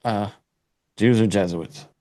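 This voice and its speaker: A man's voice: fairly low pitch, slow, warm tone, no room sound, clean studio sound. A man guesting on a podcast, talking in an easygoing way and explaining things in a roundabout manner. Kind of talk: casual podcast chat.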